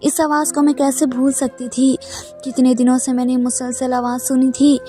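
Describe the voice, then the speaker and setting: A woman narrates a dramatic first-person story in a high, even voice. Her tone is mellow and steady, with little rise and fall. Soft music plays behind her. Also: normal speed.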